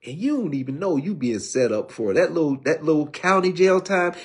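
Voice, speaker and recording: In his fifties, this recovery speaker gives a streetwise personal testimony with a preachy tone, full of restarts and repeated words. His voice sits on the high side, expressive and a little fast.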